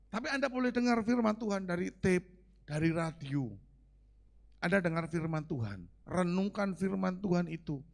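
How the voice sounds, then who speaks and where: A male pastor preaching in a gravelly, slightly raised voice. He talks to his congregation directly and often checks that they follow. His delivery moves between soft asides and loud, emphatic points. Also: fairly high pitch. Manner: conversational preaching, keeps asking the congregation questions. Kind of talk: sermon.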